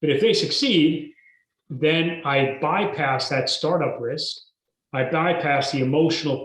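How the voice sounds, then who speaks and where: A man, a guest telling his story in a podcast interview in a measured, emphatic way. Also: medium pitch. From Mexico. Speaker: guest entrepreneur. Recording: roomy echo.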